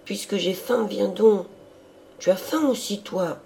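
A man voicing a cheerful, childlike young woman who is always hungry, in a high, coaxing voice. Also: measured pace, vocal fry, darkish tone, slight background noise. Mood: eager.

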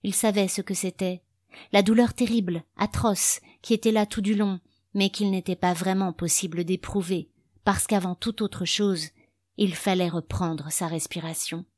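A woman narrating a novel as an audiobook, with a measured, steady reading style. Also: medium pitch, dry recording.

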